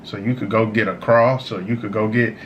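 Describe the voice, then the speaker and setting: A man who sounds high, giving a casual, slangy, meandering stoner monologue of motivational advice as a show host. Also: steady tone, brisk, a bit bright, a little hiss or hum. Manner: repeats "you know" tags, informal slangy phrasing. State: high on cannabis. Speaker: host of a smoke session series.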